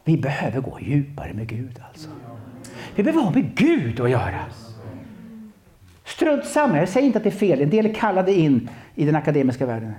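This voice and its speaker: A man with a Swedish accent preaching a sermon, repeating himself and swinging between loud calls and quiet asides. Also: fairly high pitch.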